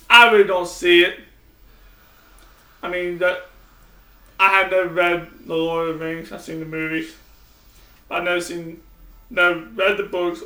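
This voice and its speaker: A man's voice: sits high, sharp tone. A man giving a casual, rambling vlog book review, often restarting his sentences. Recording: echoey room, mic at a distance.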